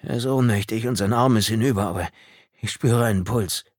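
Narrator doing a hurt, shaken man trapped in wreckage, low-key and trembling, dry booth sound. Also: fairly quick, slightly rough, dry recording. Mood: steadying. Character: frightened injured man in wreckage.

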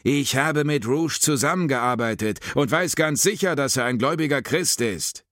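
A man playing a zealous, self-righteous American agent in an audiobook, sanctimonious and quick to shout. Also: lowish voice, expressive, no room sound, clean studio sound, pitched above the performer's own voice, lightly acted. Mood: angry.

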